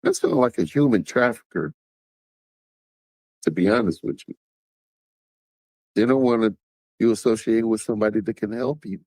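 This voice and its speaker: A man's voice: medium pitch, a little mellow, no room sound. A man hosts a podcast and talks casually straight to his listeners, now and then acting out what other people say. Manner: conversational, talks straight to listeners, acts out quotes. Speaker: podcast host.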